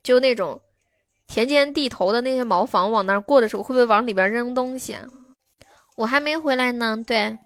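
A woman's voice: on the high side, brisk, no echo. A young woman hosting a live stream, chatting casually with her viewers and answering their comments.

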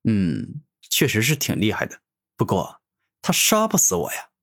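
A man voicing a cocky young male hero who taunts his enemy, with a husky voice. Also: fairly low pitch, huge pitch swings, normal speed, a bit bright, exaggerated voice. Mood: smug. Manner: taunting, sneering.

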